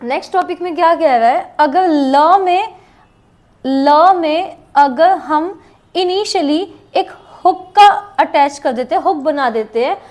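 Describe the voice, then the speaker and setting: High-pitched woman, unhurried shorthand teacher who repeats each example. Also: darkish tone. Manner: slow, repeats each example word twice. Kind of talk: classroom lesson with board writing.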